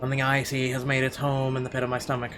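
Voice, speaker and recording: Here the same kind of host, a man with a medium-pitched, monotone voice, races through horror visual novel narration, performing it theatrically and with suspense and strong emphasis. Game music runs behind him, along with background noise.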